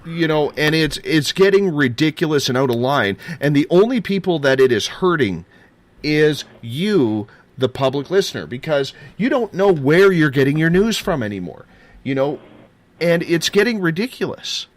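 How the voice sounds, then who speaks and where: A man's voice: fairly high pitch, very animated, moderate pace, dry recording. A man hosting a paranormal talk show, chatty and rambling, just over a throat and chest cold. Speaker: host.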